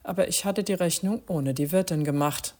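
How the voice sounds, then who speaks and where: A woman voicing a guilty, meek man who talks sheepishly in a thin, hushed voice, read as a storybook character. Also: on the low side, normal speed, natural voice. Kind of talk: storybook reading.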